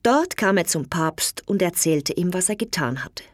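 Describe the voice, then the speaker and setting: A woman reading a fairy tale aloud in slow, clear storybook narration. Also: lowish voice, no room sound, clean studio sound. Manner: slow, clear storytelling with lively voiced quotes.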